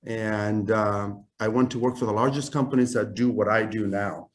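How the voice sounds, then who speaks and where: A man's voice: on the low side, fairly even intonation, moderate pace. A man in his fifties from Chile, a native Spanish speaker, telling his life story in a casual video-call interview, rambling with many fillers and restarts. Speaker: guest, custom clothing company founder.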